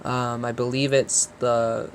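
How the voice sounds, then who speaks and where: A man with a stuffy, nasal voice from a cold, casually talking through his digital drawing process with many pauses and restarts. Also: medium pitch, flat delivery, a little hiss or hum. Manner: halting, many ums and restarts. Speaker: digital art video host. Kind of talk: casual draw-along commentary.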